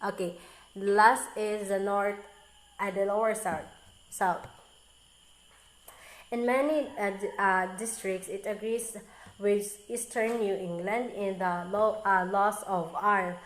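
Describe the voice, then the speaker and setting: A woman student reading a recorded class presentation aloud, careful and halting, often restarting on difficult words. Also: medium pitch, fairly even intonation, reverberant, low-quality recording.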